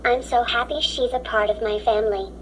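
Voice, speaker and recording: A woman's voice: a little high, steady tone, a little fast, a little hiss or hum, poor audio. A synthetic woman's voice with a robotic text-to-speech sound, reading children's stories aloud in a stiff, mechanical way. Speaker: story app narrator.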